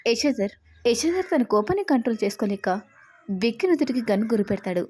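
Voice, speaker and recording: Mellow-voiced woman narrating a serial story. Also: fairly high pitch, very animated, quick pace.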